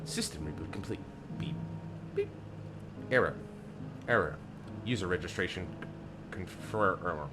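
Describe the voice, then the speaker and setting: A man voicing a glitching robot system voice that reboots with beeps and error calls in a flat machine readout. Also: low voice, measured pace, long pauses, heavy background noise, pitched below the performer's own voice. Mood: mechanical.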